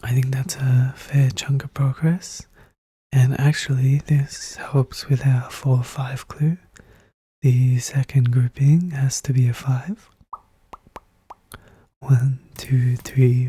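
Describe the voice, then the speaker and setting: Someone narrates their own play in an ASMR puzzle walkthrough, thinking aloud calmly and methodically. The voice is hushed, soft, and breathy, often dropping to a whisper, with a mid-range pitch and a slow pace.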